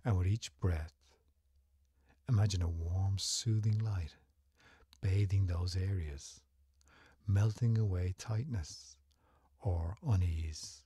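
A man guides a meditation using a low, mellow voice, heavily breathy and frequently near a whisper. He speaks slowly and gently with soothing, unhurried phrasing from start to finish, captured in a dry recording.

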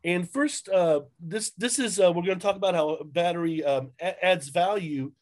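A man presenting a webinar over a video call, talking through slides with frequent fillers and restarts. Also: high-pitched. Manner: halting, many fillers and restarts. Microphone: webcam on video call.

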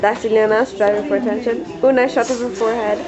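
A woman's voice: on the high side, fairly even intonation, fast. Giggly woman filming in a busy salon. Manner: teasing, giggly commentary. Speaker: person filming the video. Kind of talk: casual chat narrating home video. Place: busy hair salon indoors. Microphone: handheld camcorder mic. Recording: dull camcorder audio with salon crowd.

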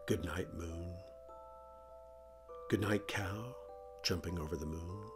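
A man's voice: low-pitched, slow, over music. A middle-aged man who hosts a children's show, presenting and reading stories aloud for kids.

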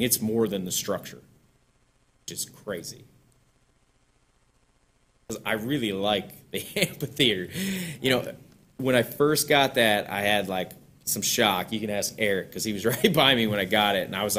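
A man's voice: lowish voice, fairly bright tone, slight background noise. A middle-aged man presenting at a town board meeting in a council chamber, talking casually and chuckling between points. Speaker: parks director presenting to a board. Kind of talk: public meeting discussion.

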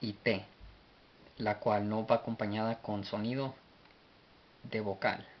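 A man teaching a language lesson, slowly spelling words out letter by letter. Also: on the low side, level tone. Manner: slow and deliberate, spells letter by letter. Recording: dull lo-fi recording with faint hiss.

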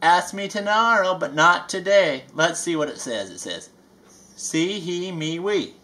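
Here a Southern-accented performer plays a fun, down-home bayou gator reading a kids' picture book aloud, drawing out words to make them land. The voice is medium in pitch with lively intonation and sounds pushed and bright.

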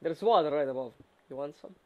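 Young man, gamer, teasing, joking, somewhat high voice, casual co-op chat. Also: fast, dull audio.

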